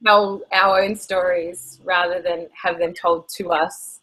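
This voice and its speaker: Australian woman, panel moderator, lively, gets heated. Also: fairly low pitch. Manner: animated, quick to get worked up. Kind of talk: panel discussion.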